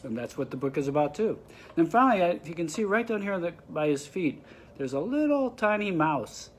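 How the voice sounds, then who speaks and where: A man's voice: on the high side, very animated, a little fast, a little hiss or hum. A man reading a picture book aloud to children, explaining the pictures with friendly asides. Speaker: storybook reader.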